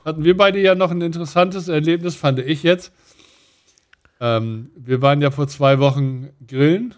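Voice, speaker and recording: A man's voice: a little high, normal speed. Easygoing middle-aged male co-host. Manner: easygoing, steers to next topic. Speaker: podcast co-host. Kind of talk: casual chat.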